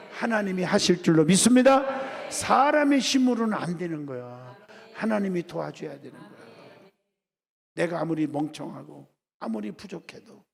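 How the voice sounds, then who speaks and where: A man's voice: sits high, vocal fry, darkish tone, breathy edge. A man preaching a revival sermon as pastor, constantly asking the congregation to answer back. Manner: preaching with constant call-and-response questions to the congregation. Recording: echoey church hall.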